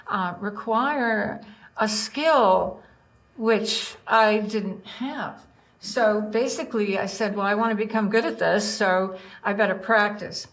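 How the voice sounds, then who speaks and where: Older female open mic poet, mid-pitched, conversational, digressive, addressing the audience directly. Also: a bit bright, low-quality recording. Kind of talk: casual spoken introduction to her own poems, with short recitations.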